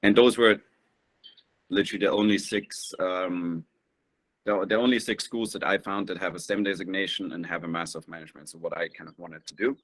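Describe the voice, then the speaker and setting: A man's voice: low voice, steady tone, brisk, a bit bright. A young man in his twenties answering questions as a guest on a webinar, hesitant and full of "um"s. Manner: hesitant, many "um"s. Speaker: guest, business school applicant. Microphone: video call.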